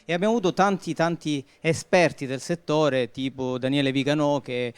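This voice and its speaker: A man's voice: fairly high pitch, steady tone, a little fast, clean tone. A man giving informal interview answers as a business guest. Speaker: guest, start-up founder.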